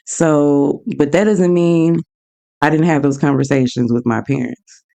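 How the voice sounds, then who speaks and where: A woman hosting her own show, telling personal stories in a frank, animated way and acting out both sides of each exchange. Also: low voice, unhurried, vocal fry. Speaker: podcast host. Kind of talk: casual personal storytelling.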